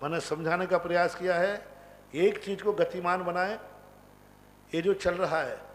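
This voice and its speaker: High-voiced Indian monk lecturing. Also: male voice, fairly even intonation, in a large hall, a little hiss or hum. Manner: explains step by step with rhetorical questions; chants sutra lines slowly. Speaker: Jain monk teacher. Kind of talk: scripture class lecture.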